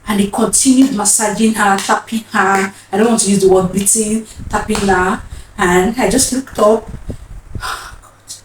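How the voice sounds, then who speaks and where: This woman in her 30s, a vlogger, shares a personal story earnestly and emotionally, repeating phrases often. She speaks at a moderate pace in a medium pitch with fairly even intonation. The audio is roomy, picked up by a distant mic, with faint background noise.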